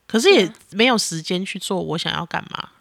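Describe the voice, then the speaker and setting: A woman, chatting casually on a podcast as a mother talking with her child, animated and exasperated in a teasing way. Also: lowish voice, brisk, creaky, dry recording, clean studio sound.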